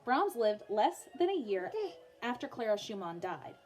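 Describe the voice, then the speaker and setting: This music teacher, a young adult woman, reads a biography aloud to her students with an informal tone and casual side comments. She often stops to settle a small child. Her fairly high voice has a sing-song lilt and a darkish tone, and she speaks a little slowly.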